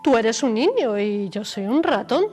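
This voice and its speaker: A woman voicing a kind, busy little male mouse who talks briskly. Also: a little high, lively intonation, darkish tone. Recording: faint music behind.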